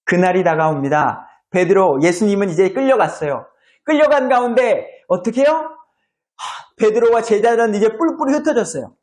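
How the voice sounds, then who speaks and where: A man's voice: high-pitched, lively intonation, moderate pace, a little mellow. A male pastor preaching a sermon in a church, retelling a story with acted-out voices.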